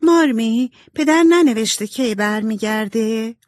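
A narrator voicing a gentle, kind young girl who acts as the peacemaker. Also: mid-range voice, lively intonation, pitched above the performer's own voice, close to an everyday voice. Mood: hopeful.

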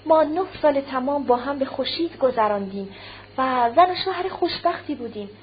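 A woman reading aloud voices a remorseful husband who speaks softly, stammering and apologetic, in a dull recording with a faint hum. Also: sits high, lightly acted. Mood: pleading. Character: remorseful middle-aged husband, pleading.

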